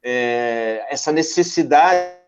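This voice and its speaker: An older Brazilian man with a Brazilian Portuguese accent speaks slowly at medium pitch, a guest in a casual video-call interview about his backpacking trips. An enthusiastic storyteller, he asks himself rhetorical questions and answers them. The audio is lo-fi, typical of a video call.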